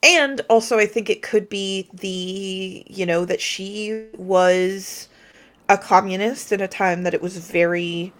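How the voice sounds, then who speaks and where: A woman co-hosts a casual film podcast, eager and opinionated as she works through her reading of a movie. Her voice sits at an ordinary middle pitch for a woman. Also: slow pace. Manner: enthusiastic, opinionated, talks through her ideas. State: slight hiccups. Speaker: podcast co-host. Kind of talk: casual film review chat.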